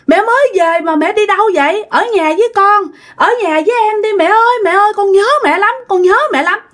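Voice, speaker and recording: A woman's voice: fairly high pitch, lively intonation, moderate pace. A woman with a Southern Vietnamese accent voicing a little boy who cries and pleads for his dead mother. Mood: sobbing, pleading.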